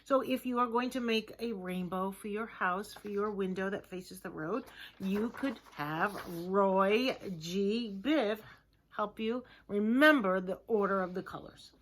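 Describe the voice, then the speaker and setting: A woman with a mid-range voice gives a lesson to camera for young children. She speaks simply and encouragingly, with deliberate, emphatic phrasing.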